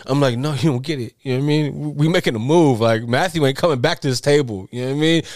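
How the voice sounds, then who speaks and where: A man telling a story in casual podcast chat, rapid, profane and full of slang. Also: mid-range voice, a little mellow, no echo, clean studio sound. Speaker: podcast co-host.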